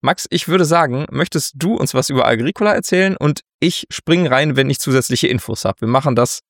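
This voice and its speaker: A man co-hosting a casual board game news podcast, relaxed and chatty, laughing often. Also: medium pitch, brisk, no echo, studio quality. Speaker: podcast co-host.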